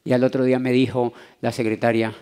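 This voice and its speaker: A man from Latin America telling an animated personal story to a convention audience, acting out the voices in it. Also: medium pitch, fast, smooth. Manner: animated, acts out voices in his anecdotes. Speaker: motivational speaker. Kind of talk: storytelling talk to a live audience. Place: convention hall.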